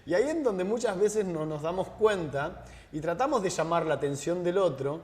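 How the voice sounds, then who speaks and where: A man with a Rioplatense accent, speaking as an interview guest in a fairly high voice. He tells stories with energy and acts out the dialogue. His voice trails off into a long reverb. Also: normal speed. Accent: Rioplatense Spanish. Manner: animated storyteller, acts out dialogue. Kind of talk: conversational interview.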